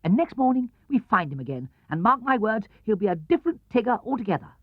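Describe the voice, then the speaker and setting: A man voicing a bossy, self-assured rabbit in a children's storybook, brisk and emphatic. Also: sits high, very animated, dry recording, voice pushed up. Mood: bossy, scheming. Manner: brisk, emphatic, explaining with authority. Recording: muffled 1970s cassette-era recording.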